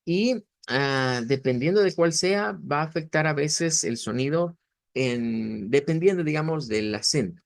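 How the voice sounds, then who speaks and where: A man teaching a beginner language lesson, explaining slowly and patiently, with many fillers and restarts. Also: fairly high pitch, animated, vocal fry, dry recording, clean studio sound.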